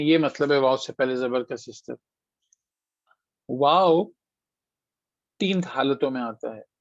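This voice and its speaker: A man's voice: mid-range voice, vocal fry, dry recording. A man teaching Quran recitation in an online lesson, patiently explaining step by step, demonstrating sounds and mixing in English phrases, over dull, dry call audio. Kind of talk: online tajweed lesson answering students.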